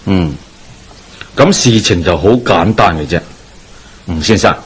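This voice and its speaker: With a deep voice and an assured mood, this man, who has a Hong Kong Cantonese accent, portrays a calm, authoritative Taoist exorcist master in a radio drama. He speaks formally, in a measured and knowing way, over slight background noise.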